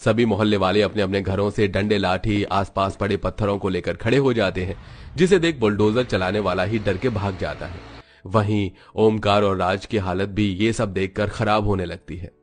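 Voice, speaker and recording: A man narrating an animated moral story in a scripted, even storytelling way. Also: fairly low pitch, moderate pace, slight background noise.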